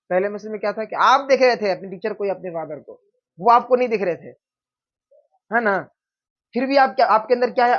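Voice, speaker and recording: A man teaching an informal religion class, asking questions and answering them himself, often checking in with his listeners. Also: sits high. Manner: conversational, checks in with "theek hai". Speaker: Islamic teacher. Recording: dull lo-fi sound.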